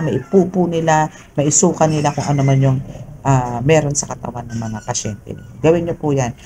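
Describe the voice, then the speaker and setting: A woman giving a chatty, casual tarot reading to a viewer, mixing Tagalog and English and often checking in with tag questions. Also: sits low. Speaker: tarot reader. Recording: steady background noise.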